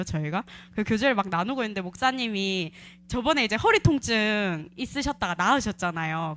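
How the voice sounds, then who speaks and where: A young adult woman sharing a personal testimony at a church service, telling her story in an animated way with lots of fillers. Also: mid-range voice. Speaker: church member giving testimony.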